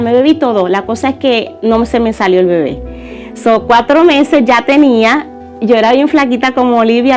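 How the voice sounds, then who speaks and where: A woman giving an earnest, conversational personal testimony in church. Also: high-pitched.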